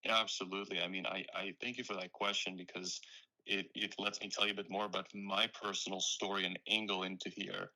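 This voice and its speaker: Deep low guy from ukraine, real bright forceful tone, explains things earnestly. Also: level tone, brisk, poor audio. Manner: earnest, explanatory, frequent "you know". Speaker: founder being interviewed. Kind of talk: conversational interview.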